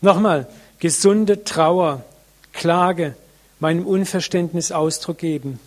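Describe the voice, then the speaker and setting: Earnest German-speaking man preaching. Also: on the high side. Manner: earnest, pausing, addresses the congregation directly. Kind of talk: sermon.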